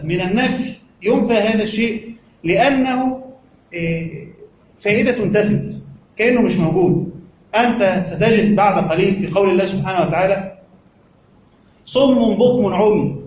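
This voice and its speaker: High-voiced Egyptian sheikh teaching in echoey room. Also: male voice. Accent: Egyptian Arabic. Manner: explains step by step, asking the class rhetorical questions. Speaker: sheikh teaching Quran commentary. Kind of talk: religious lesson. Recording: roomy, muffled recording with faint noise.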